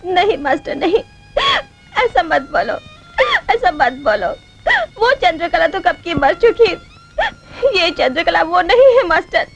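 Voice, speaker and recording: A woman's voice: very high-pitched, lively intonation, normal speed, creaky, dull audio, soft background music, heavily acted. An actress playing a devoted young woman who pleads tearfully and defiantly in film dialogue. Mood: tearful pleading.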